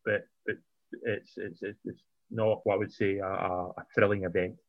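A man's voice: on the low side, level tone, moderate pace, no echo, highs cut off. A man co-hosting a casual film review podcast, rambling and repeating words as he thinks. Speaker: podcast co-host.

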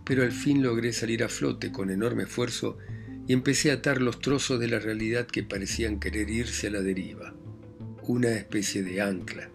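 Man narrator, argentine spanish accent, gravelly, low, faint music behind. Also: steady tone. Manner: grave, measured first-person reading. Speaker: audiobook narrator. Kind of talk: scripted literary narration.

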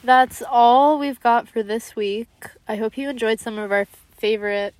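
A woman's voice: a little high, normal speed, dry recording. Upbeat young woman podcast host. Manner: upbeat, wraps things up. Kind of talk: casual chat.

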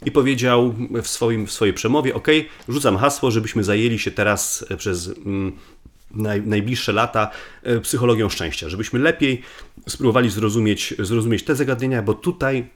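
Man explaining in halting, repetitive phrases. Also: fairly low pitch. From Poland. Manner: hesitant, repeats words and restarts often. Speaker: guest psychology researcher. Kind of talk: conversational explanation, interview.

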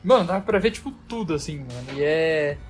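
A man's voice: fairly high pitch, lively intonation, fairly quick, faint music behind. A man with a Brazilian Portuguese accent telling a travel story in casual chat, loose and slangy, full of fillers.

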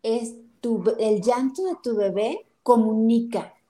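A woman's voice: fairly high pitch, animated, unhurried, dark tone. A woman who advises on breastfeeding and parenting, explaining things directly and busting common myths in conversation. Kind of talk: informative conversation.

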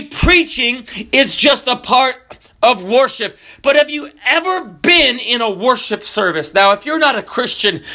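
A man born in Kenya preaching a sermon, fervent, building to near shouts and then dropping low and soft.

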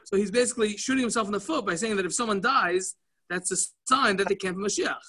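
A man with a high, sharp voice talks fast while teaching a casual Talmud class. He tells stories and explains the text loosely and conversationally, mixing in Yiddish and Hebrew terms.

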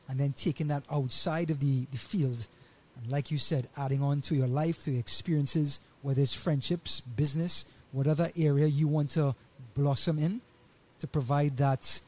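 A man's voice: medium pitch, darkish tone, breathy edge. A male podcast host, enthusiastic and full of praise for his guest. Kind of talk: podcast interview.

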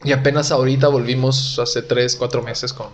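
A man's voice: mid-range voice, flat delivery, normal speed, a little hiss or hum. An Italian-born man in his young adult years, a comedian telling jokes and rambling stories in a casual interview. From Italy. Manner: joking, self-deprecating, rambling. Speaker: comedian guest.

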